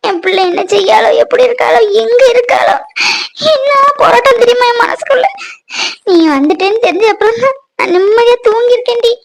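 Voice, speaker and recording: A woman's voice: sits high, very animated, a little fast, hardly any pauses, a crowd in the background. A woman playing a middle-aged mother who cries and pleads with the daughter who left home. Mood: tearful. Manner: tearful, pleading, voice breaking. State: crying.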